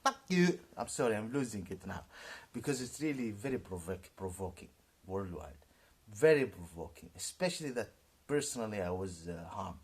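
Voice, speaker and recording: With a sing-song, breathy edge, a roughly forty-year-old man delivers a ranting YouTube monologue. He stops and starts, repeats himself, and lurches from shouting to quiet muttering.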